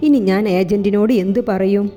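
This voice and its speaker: A woman's voice: medium pitch, steady tone, moderate pace, natural voice. Woman voicing a curt young man. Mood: irritated. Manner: sharp, scolding. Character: proud young man, quick to blame. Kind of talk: audiobook character voice. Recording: echoey room with faint music.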